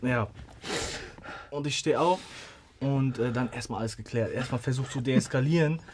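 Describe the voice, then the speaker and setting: A man's voice: medium pitch, normal speed. A man in a podcast studio, retelling a story in casual, slangy chat and laughing as he talks. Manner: animated retelling, slangy, laughing while talking. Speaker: podcast guest. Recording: noticeable background noise with clicks.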